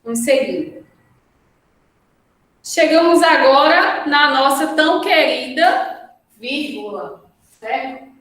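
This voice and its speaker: Brazilian woman teacher, slow and patient delivery, keeps checking in with the class; far-off mic in a roomy classroom. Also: high-pitched, expressive, fairly bright tone. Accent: Brazilian Portuguese. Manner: patient, checks in with "certo?" and "tá?" after each point. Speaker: Portuguese grammar teacher. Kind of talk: remote lesson at a whiteboard. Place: classroom or studio with a whiteboard. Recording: very echoey room, mic at a distance.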